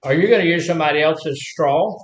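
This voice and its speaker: A man's voice: a little high, fast talker, roomy sound, rough recording. A middle-aged man teaching a casual class, folksy and full of questions to the room. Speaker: health instructor.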